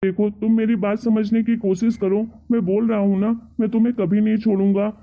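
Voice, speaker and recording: A woman's voice: mid-range voice, level tone, fairly quick, close to an everyday voice. A woman voicing a meek young husband in a cartoon story who coaxes his wife. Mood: coaxing. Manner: coaxing, meek. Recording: tinny phone-like sound.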